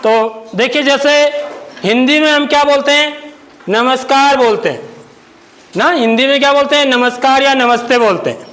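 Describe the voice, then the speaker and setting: Guy teaching a class of kids, really high voice, keeps asking questions n repeating words. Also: moderate pace, fairly bright tone, poor audio. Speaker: school teacher. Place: school classroom.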